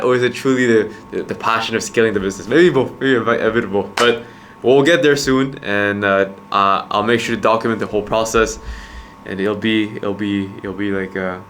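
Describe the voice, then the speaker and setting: Talking to the camera in a relaxed, thoughtful way, this young Quebecer, an entrepreneur and vlogger who grew up speaking Khmer, uses a mid-range, fairly bright voice. His delivery is sincere yet halting, full of restarts and repeated words, over slight background noise.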